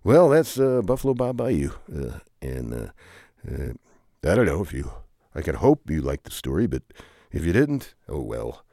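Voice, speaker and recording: A man's voice: very deep voice, very animated, normal speed, dark tone, no echo, clean studio sound. A man telling an improvised comic story with two bickering characters, rambling and often groaning and humming along. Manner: rambling, with frequent groaning "ugh"s and playful humming.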